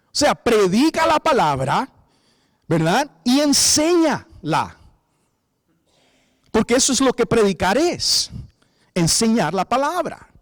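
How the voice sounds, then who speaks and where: A man preaching a sermon as pastor, animated, acting out quoted voices and rising to shouts for emphasis. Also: sits high, dry recording, clean studio sound.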